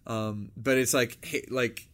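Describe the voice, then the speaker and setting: A man's voice: mid-range voice, fairly even intonation, slow, fairly bright tone. A young man co-hosting a podcast in casual chat, rambling and restarting his sentences as he reads from a list. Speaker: podcast co-host.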